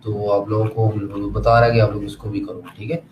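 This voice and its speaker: A man's voice: lowish voice, level tone, brisk, muffled recording. A man showing his work in class, reading English lines aloud and addressing the teacher as sir. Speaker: student. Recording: echoey room, clear background noise.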